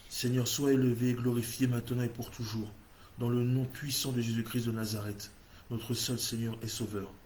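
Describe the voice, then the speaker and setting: The church host's mid-range voice is a little mellow and barely moves in pitch as he speaks at a normal speed. He has an English-speaking accent and leads a fervent, repetitive French prayer on a livestream, with slight background noise.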